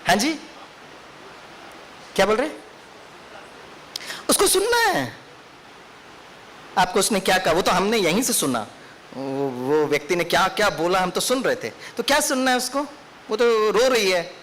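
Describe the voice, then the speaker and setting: A man's voice: high voice, very animated, a little slow, long pauses, a bit bright. A man with an Indian accent giving a lecture to teachers in training, telling a story and putting questions to his audience. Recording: faint hiss.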